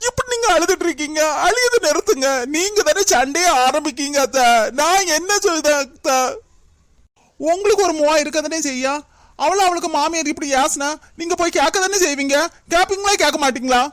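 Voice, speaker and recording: A woman's voice: high voice, animated, brisk, no echo. A woman voicing a young daughter-in-law in a cartoon, arguing back defensively and pleading her case. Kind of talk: cartoon comedy voice acting.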